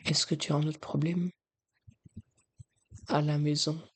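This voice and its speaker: Breathy, higher-voiced Frenchman speaking softly. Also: level tone, unhurried. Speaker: ASMR video creator. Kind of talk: soft-spoken ASMR, advising the listener directly.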